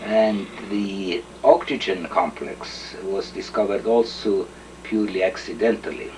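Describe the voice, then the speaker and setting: An older man from Estonia, his first language Estonian, recalling his career in an interview, measured and hesitant with frequent fillers and throat clearing. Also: deep voice, a little mellow, distant mic, slight background noise, rough recording. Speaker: interviewee, chemist. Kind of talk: oral history interview.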